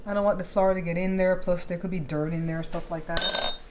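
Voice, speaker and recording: Lower-pitched woman, casual baking host. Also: steady tone, brisk. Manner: explains step by step, checking in with viewers. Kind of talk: casual cooking tutorial chat. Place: indoors at a kitchen counter. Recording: clearly noisy home recording.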